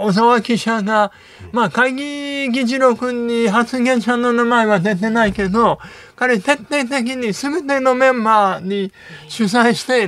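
A man whose first language is English speaks in a very high, nasal voice, with air escaping through his nose. He talks slowly and haltingly, stopping often on fillers. The line is dry and close. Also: fairly bright tone, dry recording. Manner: slow, halting, with many fillers. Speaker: guest seismologist. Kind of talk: radio interview.

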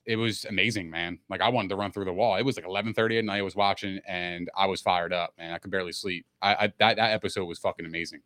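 A man's voice: low-pitched, steady tone, fast talker, few pauses, fairly bright tone. Slangy, hyped frat-bro man. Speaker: sports podcast panelist. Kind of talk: casual sports podcast banter.

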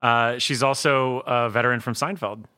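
A man's voice: medium pitch, steady tone, normal speed, pushed and bright, clear, resonant tone, dry recording, studio quality. A man co-hosting a podcast, chatting casually about films. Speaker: podcast co-host.

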